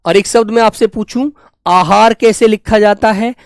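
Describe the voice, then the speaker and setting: A young man leads a live online Hindi spelling class. His voice sits high and light and sounds dry and close to the mic. He speaks to his students fondly, calling them his children, and drills each word with slow repetition. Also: fairly even intonation, no echo. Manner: affectionate, calls students "beta" and "my children"; repeats and drills words slowly. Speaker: Hindi teacher.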